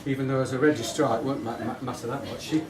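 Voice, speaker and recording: A man's voice: mid-range voice, steady tone, quick pace. A middle-aged man giving an informal, affectionate father of the bride speech in a hesitant, rambling way at a wedding reception. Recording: echoey room, distant mic, audience noise. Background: guests murmuring and laughing.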